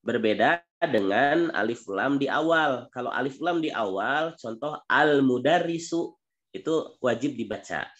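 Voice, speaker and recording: A man's voice: mid-range voice, muffled recording. A man teaching an online Arabic reading class, explaining patiently and repeating examples.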